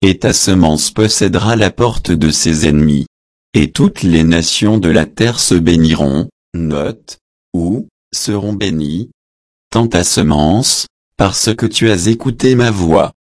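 A man giving a measured, deliberate reading of scripture, even reading out the footnotes. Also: deep voice, dry recording, studio quality. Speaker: scripture reader.

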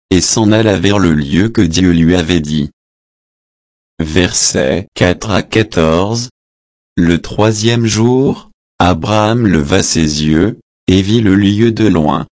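A man reading a Bible passage verse by verse in a measured, solemn way, announcing the verse numbers and reading the translator's notes aloud. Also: low-pitched, a little mellow, dry recording, studio quality. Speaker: scripture reader.

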